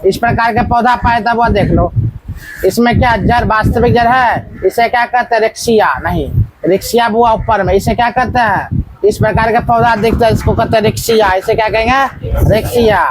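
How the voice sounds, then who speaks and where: A man teaches a biology lesson, his voice sitting high for a man. He keeps quizzing the students with repeated questions as he goes. A faint hiss runs under the classroom recording. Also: moderate pace.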